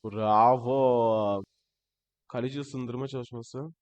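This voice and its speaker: A young man commentating his own football video game match, excitable and shouting at the players on screen, his voice a bit strained. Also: mid-range voice, very slow, lo-fi sound. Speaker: gaming channel host. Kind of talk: live gameplay commentary.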